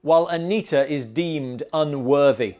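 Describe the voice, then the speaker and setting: A man's voice: fairly high pitch, a little slow, warm tone, faint music behind. A man hosting a comedic bad-movie review, narrating with dry sarcasm. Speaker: film reviewer host.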